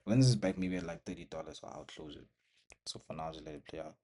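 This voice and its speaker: A man's voice: very deep voice, sing-song, quick pace, vocal fry. A young man recording a casual trading vlog at home, talking viewers through his trade in short broken phrases and a little out of breath. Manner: talks to viewers while watching the screen, in short broken phrases. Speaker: trading vlogger. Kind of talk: casual live commentary. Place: bedroom at home.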